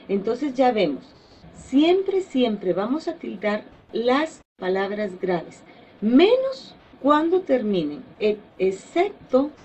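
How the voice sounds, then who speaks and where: Woman teacher going slow over slides, stretches out words syllable by syllable, bit of faint noise behind. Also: fairly high pitch, a little mellow, rough recording. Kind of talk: slide-based spelling lesson.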